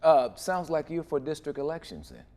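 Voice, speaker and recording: A man's voice: on the high side, sing-song, normal speed, mellow. A man co-hosting a local TV interview, asking probing and playful questions in a studio. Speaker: TV show co-host.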